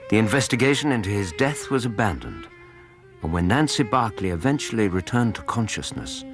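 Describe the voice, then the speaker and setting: Radio drama: middle-aged English doctor and old soldier, male actor, deep, varied intonation, decent and gently firm. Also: natural voice. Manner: measured, earnest, gently firm. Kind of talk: radio drama acting and narration.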